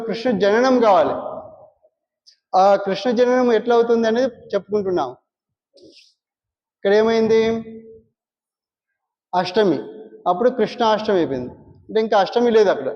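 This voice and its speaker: A man with a Rayalaseema Telugu accent leads a devotional discourse, keeping his voice high as he puts question after question to his listeners and answers each one himself. The recording sounds muffled and dull, with a long reverb trailing behind every line. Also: brisk, pauses often. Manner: asks the audience questions and answers them himself. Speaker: spiritual teacher. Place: prayer hall.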